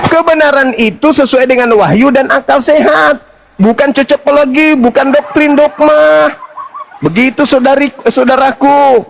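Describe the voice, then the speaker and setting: A man arguing hard in a religious debate, mocking and shouting his points while fasting. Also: extremely high pitch, vocal fry.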